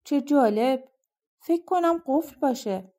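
Storybook figure: woman voicing a confused, muttering man, lightly raised pitch. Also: animated, warm tone. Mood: bewildered. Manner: stammering, muttering to himself. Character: bewildered man waking from long sleep.

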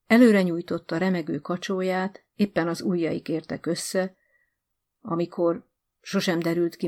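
A woman narrating an audiobook short story in a calm, measured literary reading. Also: on the low side.

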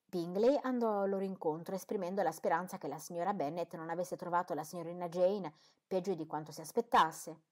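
A woman's voice: fairly low pitch, a little fast, darkish tone. Woman narrating a classic novel. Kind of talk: audiobook reading.

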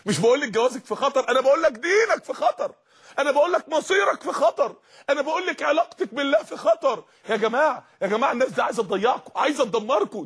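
A man's voice: very high voice, fairly bright tone, breathy edge. A young man preaching an impassioned sermon in an Egyptian accent, pressing his points through repeated rhetorical questions and commands. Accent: Egyptian Arabic. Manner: impassioned, rhetorical, repetitive exhortation.

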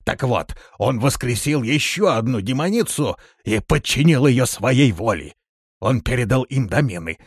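A man's voice: mid-range voice, animated, moderate pace, breathy edge, dry recording, studio quality, voice pushed up. A man voicing a boastful, whining, cowardly male creature in an audiobook.

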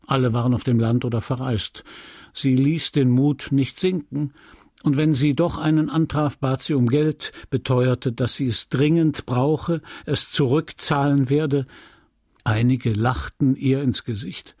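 Gravelly male audiobook narrator. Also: mid-range voice, dry recording, clean studio sound. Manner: measured, expressive. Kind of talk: literary audiobook reading. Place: studio.

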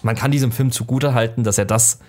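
A man's voice: mid-range voice, fairly even intonation, fast, darkish tone. A man hosting a film podcast, casually and animatedly retelling a myth, often restarting his sentences. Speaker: podcast host.

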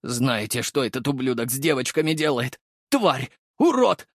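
A man's voice: mid-range voice, lively intonation, normal speed, dry recording, clean studio sound. Man voicing a distraught pleading father. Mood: outraged. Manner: pleading, emotional. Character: panicked middle-aged father, meek alchemist.

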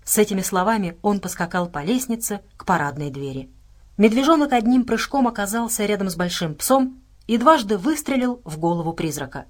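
A woman's voice: mid-range voice, a little mellow. Woman narrating an audiobook steadily. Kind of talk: scripted narration.

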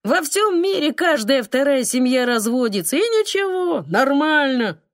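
A breezy middle-aged driver from a storybook, offhand and reassuring, as a woman reads him. The voice stays fairly high and dry. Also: big pitch swings, unhurried, no room sound, exaggerated voice.

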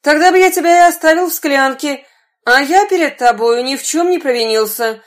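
A woman voicing a bold, quick-witted young man who talks brisk, cheeky and raised. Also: high-pitched, natural voice.

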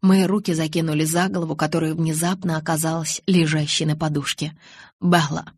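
A woman's voice: low-pitched, little pitch movement, brisk, darkish tone, breathy edge, no room sound. A woman narrating a first-person romance audiobook in an intimate storytelling manner. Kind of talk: scripted narration.

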